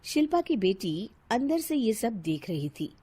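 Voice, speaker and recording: A woman narrating an animated cartoon story in a lively, expressive way. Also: mid-range voice, slow, breathy edge.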